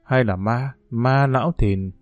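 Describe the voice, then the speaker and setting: A man narrating a novel in a steady, unhurried storytelling manner. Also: medium pitch, no echo, soft background music. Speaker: audiobook narrator.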